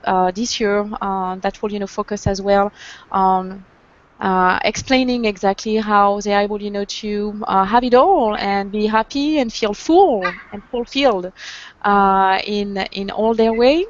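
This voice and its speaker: A woman hosting an interview, gracious and chatty, often slipping in "you know" as she talks. Her pitch is middling. The audio is dull and lo-fi. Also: measured pace, slight background noise. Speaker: interview host. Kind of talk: online interview conversation. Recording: muffled lo-fi audio.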